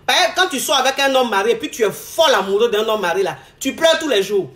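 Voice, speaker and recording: A woman with a high voice delivers a frank, expressive monologue of relationship advice. She hammers her points by repeating them and acts out the words of the people she quotes. The sound bounces around an echoey room. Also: fast. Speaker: advice speaker.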